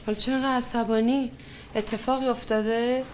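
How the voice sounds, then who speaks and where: A woman's voice: on the high side, flat delivery, background noise, lightly acted. A woman playing a worried, hurt mother. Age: middle-aged. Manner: pleading, then defensive. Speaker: mother and wife. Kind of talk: film drama acting. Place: home interior.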